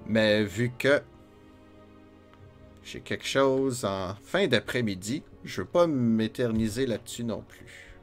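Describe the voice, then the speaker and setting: A man's voice: on the low side, slow, faint music behind. Joking man with a Quebec French accent. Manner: joking, chatty, talks to himself while playing. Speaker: gamer. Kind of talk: let's play commentary.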